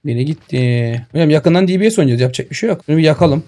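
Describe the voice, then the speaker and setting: A man giving excitable live commentary over his own shooter gameplay, talking to his viewers and shouting at enemies, on a headset mic. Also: a little high, very fast. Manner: excitable, talks to viewers and to the enemy. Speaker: gaming streamer. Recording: game sounds and gunfire behind.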